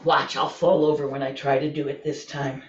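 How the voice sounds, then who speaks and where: A woman in her late sixties, a fitness and yoga instructor, gently talking a class through exercises from the floor at home, chatty and self-deprecating. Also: sits low, level tone, normal speed. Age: 60s. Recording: roomy, distant, slightly dull home video.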